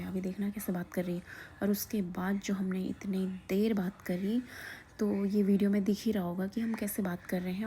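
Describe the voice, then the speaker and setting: A woman casually narrating a vlog, often slipping into a soft whisper and laughing. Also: medium pitch, a little hiss or hum. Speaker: vlogger.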